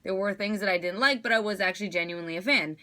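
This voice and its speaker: A woman's voice: mid-range voice, fast, sharp tone. A woman giving a casual, enthusiastic spoken movie review, chatty and full of fillers.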